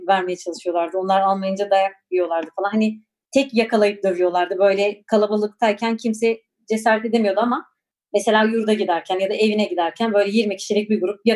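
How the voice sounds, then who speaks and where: A woman's voice: mid-range voice, steady tone, fast, darkish tone. Reflective woman in her forties. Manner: reflective, hesitant, with frequent fillers. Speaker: interviewee. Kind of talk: personal recollection.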